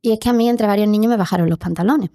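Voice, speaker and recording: A woman's voice: mid-range voice, racing, mellow, no echo, studio quality. A young woman telling her own story in a podcast interview, earnest, sometimes acting out the voices of people her childhood. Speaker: interview guest. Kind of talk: personal testimony in a podcast interview. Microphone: podcast studio mic.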